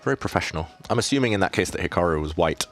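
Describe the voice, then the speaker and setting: Male chess streamer, very low voice, chatty and self-mocking, faint music under him. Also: animated, rapid-fire. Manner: self-deprecating, chatty, reads chat questions aloud. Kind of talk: casual live-stream commentary.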